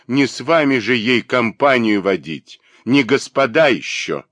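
A man doing a shrill, mocking old spinster. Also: lively intonation, a little slow, fairly bright tone, no echo. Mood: scornful. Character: spiteful gossiping old spinster woman.

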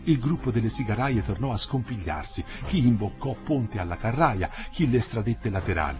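A man reading a novel aloud in a measured, expressive storytelling manner. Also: lowish voice, over music. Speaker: audiobook narrator. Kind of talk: literary audiobook reading.

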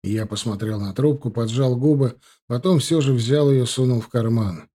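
Dark, husky male audiobook narrator. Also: medium pitch, normal speed. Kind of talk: first-person audiobook narration.

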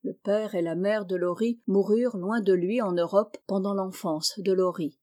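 A woman reading a classic novel aloud, narrating in a clear, even storytelling manner. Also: mid-range voice, normal speed. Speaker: audiobook reader.

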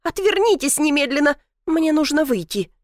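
A woman voicing an indignant, quick-tempered young woman in an audiobook, shrieking her outraged outbursts. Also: sits high, sing-song, no room sound, studio quality, voice pushed up. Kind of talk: audiobook character voice.

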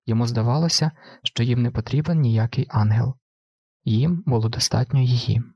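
A man reading a literary audiobook in a steady, unhurried narration. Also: mid-range voice, creaky, slightly rough, no room sound, clean studio sound. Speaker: audiobook reader.

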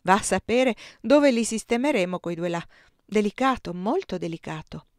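A woman's voice: mid-range voice, expressive, moderate pace, a little mellow, no echo, studio quality, lightly acted. A woman reading as a pompous older archivist.

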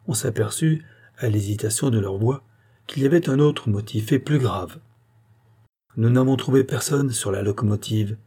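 Husky, dark-voiced male storyteller. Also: on the low side. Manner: measured, dramatic storytelling. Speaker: story reader. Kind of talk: scripted narration of a short story.

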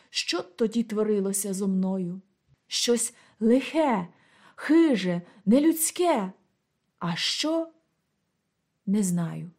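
A woman giving an impassioned, expressive dramatic reading of a literary story. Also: on the high side. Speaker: audiobook reader.

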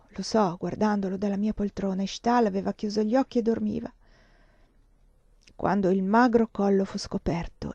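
Expressive woman reading a dark novel. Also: medium pitch, gravelly, husky, dry recording. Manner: expressive, rising to near-sobbing at tense moments. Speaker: reader of a novel. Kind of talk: dramatic audiobook narration. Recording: dull dry recording.

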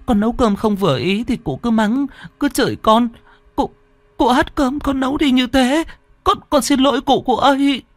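A man's voice: expressive, moderate pace, a little mellow, no room sound, close to an everyday voice. A man voicing a pleading young woman. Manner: coaxing, pleading, raised falsetto. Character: young woman Lan, anxious, doting granddaughter.

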